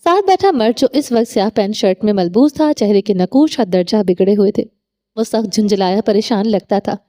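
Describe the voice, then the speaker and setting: A woman narrating a romance novel audiobook with steady, dramatic storytelling. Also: mid-range voice.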